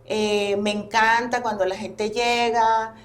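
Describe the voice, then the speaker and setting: Woman therapist, chatty and expressive, kinda high voice, echoey room. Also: slow. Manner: expressive, animated storytelling. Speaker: family constellations therapist, guest. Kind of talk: casual podcast conversation. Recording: roomy echo.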